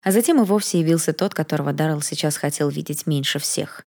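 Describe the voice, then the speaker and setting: A woman narrating a novel as an audiobook in an even storytelling manner. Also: low voice, fast. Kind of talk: scripted narration.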